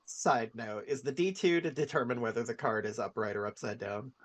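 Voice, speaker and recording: A man's voice: mid-range voice, brisk. A man chatting casually as a player in a tabletop role-playing game.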